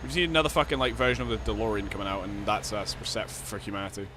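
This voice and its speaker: Brief: casual Scottish gaming streamer, swears constantly, faint background noise. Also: male voice, on the low side, very fast. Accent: Scottish, Glasgow. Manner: rambling, heavy swearing, frequent laughter. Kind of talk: casual live-stream chat while gaming.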